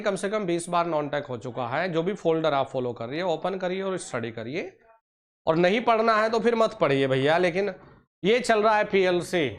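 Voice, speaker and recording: A man teaching an online exam-prep lecture, fond and teacherly, stretching out key terms, sometimes scolding his students. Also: a little high. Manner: teacherly, addresses students as "beta" and "pyare bachche", scolds and coaxes; drawn-out slow emphasis on key terms.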